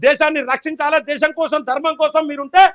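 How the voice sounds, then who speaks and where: Rapid, high-voiced Telangana man ranting. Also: level tone, a bit bright. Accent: Telangana Telugu. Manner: impassioned, rhetorical, repeated questions. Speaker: host of a political news channel. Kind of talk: political commentary monologue.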